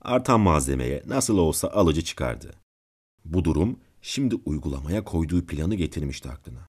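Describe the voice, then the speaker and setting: Very deep-voiced male story narrator. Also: breathy edge. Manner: calm, measured reading. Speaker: audiobook narrator and channel host.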